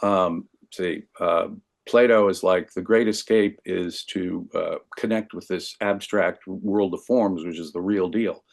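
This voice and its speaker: Male podcast guest, low register, lecturing style with dry humor. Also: steady tone, measured pace, gravelly. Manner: lecturing, wry asides to listeners. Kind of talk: explaining philosophy history in podcast conversation.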